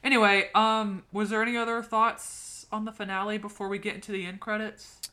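A woman's voice: mid-range voice, level tone, brisk, pushed and bright. A woman co-hosting a podcast, chatting casually and rambling with lots of fillers and restarts. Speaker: podcast co-host. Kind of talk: casual chat.

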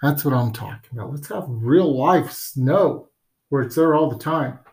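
A man's voice: mid-range voice, moderate pace, a little mellow. Rambling, joking man in casual podcast chat. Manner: rambling, joking, trails off mid-sentence. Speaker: podcast co-host.

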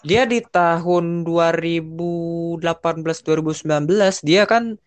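A young man with a fairly high-pitched voice chats loosely as a podcast co-host. He talks in slang, often stops to restart a phrase and drops in English words. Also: moderate pace, clear, resonant tone. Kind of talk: casual chat.

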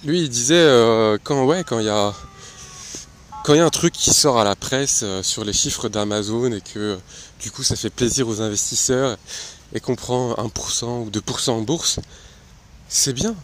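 A man's voice: mid-range voice, normal speed, slight background noise. A man, hosting a podcast on his own and talking casually about management, with lots of fillers and restarts. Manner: loose and chatty, many fillers and restarts, laughs at his own asides. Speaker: podcast host. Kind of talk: casual solo talk on management.

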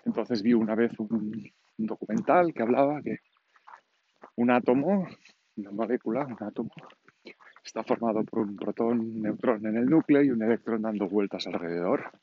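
Speaking at normal speed in a lowish voice, a 49-year-old man from Catalonia, Spain, hosts a solo podcast as a loose, unscripted monologue, thinking aloud as he goes. He grew up with Catalan alongside Spanish, and his Spanish has a Catalan accent. It's a dull lo-fi home recording with clear background noise.

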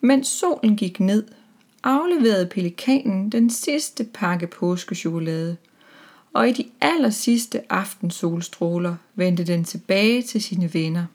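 A woman reading a children's story aloud in a calm, even storytelling manner. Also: mid-range voice.

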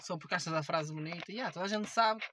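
Young adult man, European Portuguese accent, high voice, fast casual slangy chat. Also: noisy background. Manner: slangy, informal.

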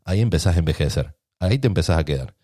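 A man with a low voice and a Rioplatense Spanish accent hosts a casual solo podcast. He rambles and provokes, thinking out loud as he goes. The sound is dry, with no room echo. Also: expressive, very fast. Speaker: podcast host.

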